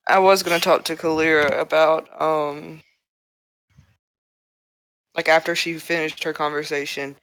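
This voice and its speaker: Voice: medium pitch, level tone, unhurried, long pauses, fairly bright tone, clear, resonant tone, no echo, rough recording. A tired player in a tabletop game, talking in a sleepy, rambling way. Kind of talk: casual chat at a tabletop game.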